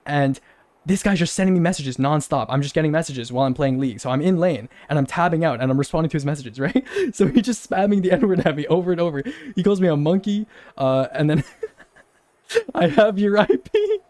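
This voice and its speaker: A man's voice: on the high side, quick pace, a little mellow, no echo. Young man ranting, rambling and repetitive. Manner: rambling, repeats himself, incredulous laughs. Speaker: streamer. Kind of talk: casual storytelling rant.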